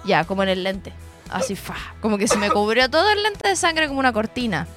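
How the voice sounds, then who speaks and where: A woman with a Chilean accent, a radio co-host chatting casually, telling a story with animated energy and frequent laughter. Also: a little high, brisk, music in the background. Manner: animated storyteller, laughing often, lots of slang.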